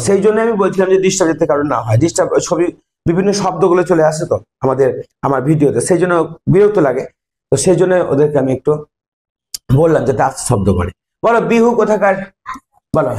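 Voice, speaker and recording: A man's voice: a little high, lively intonation, darkish tone. A man teaching an English lesson, explaining step by step, asking questions and answering them himself. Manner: reads English sentences slowly, then translates. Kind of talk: classroom lesson in Bengali.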